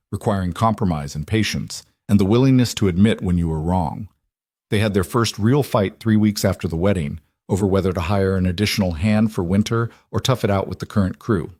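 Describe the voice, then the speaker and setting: A man reading a western audiobook in a measured scripted narration. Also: on the low side, a little mellow, no echo, studio quality.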